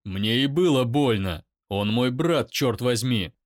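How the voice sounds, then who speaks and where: A man playing an angry young man who shouts back in his own defense. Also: medium pitch, measured pace, no echo, clean studio sound, lightly acted.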